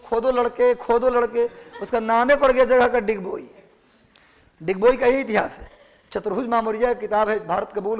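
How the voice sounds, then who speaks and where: A man with a Bihari Hindi accent delivers a classroom lecture in a notably high voice. He quizzes his students constantly and repeats each answer for dictation. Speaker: teacher.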